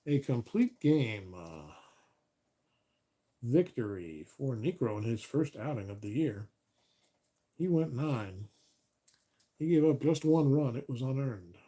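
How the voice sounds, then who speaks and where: A man hosts play-by-play commentary of a tabletop baseball board game replay, relaxed as he counts stats aloud and corrects himself, his voice turning a little raspy. He speaks at a medium pitch, slowly, with long pauses.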